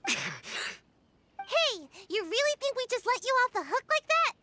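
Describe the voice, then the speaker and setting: A woman's voice: very high voice, wildly swooping pitch, takes it slowly, sharp tone, slight background noise, exaggerated voice. A woman voicing a small, childlike girl ninja in a video game, drowsy and lazy yet cocky. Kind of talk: English video game voice acting.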